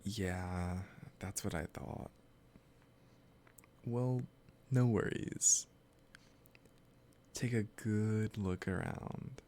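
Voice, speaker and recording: In this roleplay audio drama, a man voices an obsessive, lovesick kidnapper who talks straight to the listener in a slow, low voice. He stays calm and soft-spoken, coaxing gently and hesitantly with a possessive sweetness. There's a faint hiss or hum on the recording.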